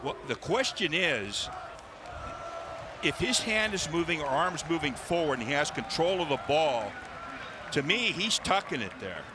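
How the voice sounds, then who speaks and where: A man explaining a sports ruling as a rules analyst, giving his opinion in a measured way. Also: fairly high pitch, very animated, a crowd in the background. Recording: broadcast with clear outdoor noise.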